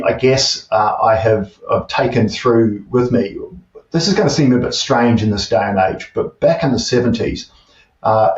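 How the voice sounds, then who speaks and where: NZ-accented guest in his fifties; halting, restart-heavy delivery, heard at a distance with a muffled tone. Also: mid-range voice, a little mellow. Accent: New Zealand. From New Zealand. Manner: hesitant, many fillers and restarts. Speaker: guest, tech CEO. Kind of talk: casual interview chat. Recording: distant, dull, roomy remote audio.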